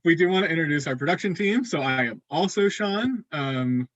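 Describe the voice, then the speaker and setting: A man's voice: fairly high pitch, expressive, moderate pace, a bit bright, dry recording. A man hosting a live online social strategy game over a video call, upbeat and full of fillers. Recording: dull lo-fi call audio.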